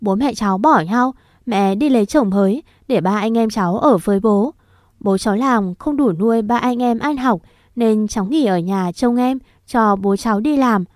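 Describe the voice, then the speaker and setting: A woman's voice: on the high side, normal speed, darkish tone, dry recording, studio quality, lightly acted. A woman voicing a sulky, quarrelsome teenage village boy. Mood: subdued. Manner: quarrelsome, then tearful.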